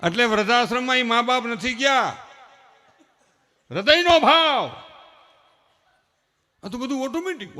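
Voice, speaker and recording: A man performs stage comedy with a high, bright voice. He speaks into a stage mic before a live audience, repeating phrases in an animated, rhythmic style. He slips into character voices as he tells his stories. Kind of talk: live folk storytelling comedy.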